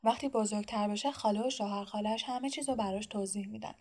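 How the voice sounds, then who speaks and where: A woman voicing a calm, wise old male wizard headmaster in an audiobook, speaking softly and without hurry. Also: medium pitch, close to an everyday voice. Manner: calm, soft, unhurried. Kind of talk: audiobook character reading.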